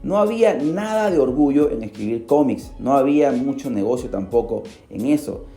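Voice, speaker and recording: With lively intonation, a warm tone and normal speed, a man from Peru tells a story on his radio podcast, theatrical and speaking directly to the listener, his pitch swinging for emphasis. The studio microphone captures a roomy sound with faint music behind.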